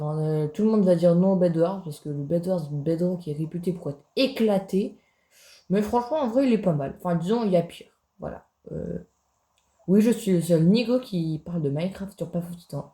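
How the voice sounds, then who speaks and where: A man's voice: high voice, warm tone. A man giving casual gameplay commentary as a gaming YouTuber, chatty and jokey, talking straight to his viewers.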